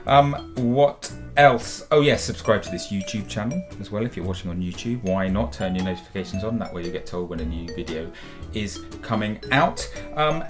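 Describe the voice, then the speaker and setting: A middle-aged man from the UK giving a friendly, chatty drawing lesson to children, encouraging them and calling them guys. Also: low voice. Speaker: children's drawing tutor and author.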